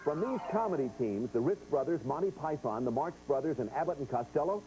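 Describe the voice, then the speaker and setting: This game show host talks a little fast with a slightly high, animated voice, addressing contestants and the audience as he explains the rules and reads out quiz questions from a TV studio. The recording quality is low.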